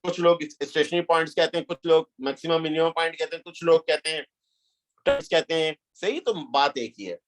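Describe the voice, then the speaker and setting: A man, teaching a math lesson step by step, mixing in English terms and checking "clear?" with his students. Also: a little high, a little fast, slight background noise. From Pakistan. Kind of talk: classroom lecture.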